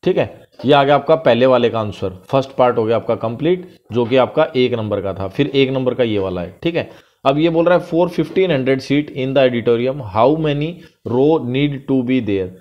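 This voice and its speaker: In a muffled recording, a medium-pitched man with a darkish tone explains a math problem step by step over a screen recording. He is a male teacher with an Indian accent, and he reads the English question lines slowly.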